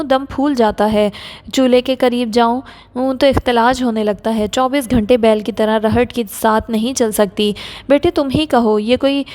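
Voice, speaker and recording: A woman's voice: fairly high pitch, darkish tone, natural voice. A woman voicing a self-pitying old mother-in-law. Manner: sighing, groaning, melodramatic.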